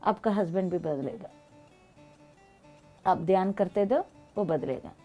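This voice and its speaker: A woman guest telling personal stories, speaking animated, non-fluent Hindi mixed with English. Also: fairly low pitch, unhurried, faint music behind. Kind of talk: personal storytelling in an interview.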